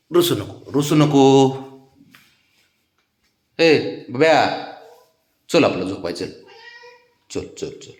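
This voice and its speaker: Using baby talk, a man coaxes his pet cat in a soothing, pleading way. On questions his voice swoops up high.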